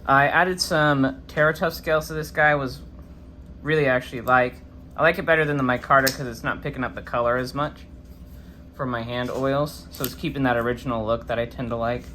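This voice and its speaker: With his face swollen after getting his wisdom teeth out, a knife reviewer talks casually about a product, words a bit impeded. His mid-range voice is sharp and fairly even in intonation, moving fairly quickly over slight background noise.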